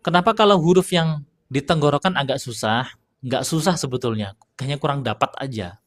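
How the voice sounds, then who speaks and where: A man teaching Quran recitation on a live stream, reading out viewer questions and slowly demonstrating letter sounds in a relaxed, chatty way. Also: medium pitch.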